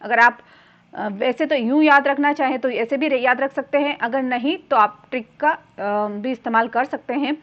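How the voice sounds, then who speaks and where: A woman's voice: high voice, moderate pace, lo-fi sound. A woman teaching a grammar lesson for exam students, explaining each point patiently and repeating key terms, with a few filler sounds.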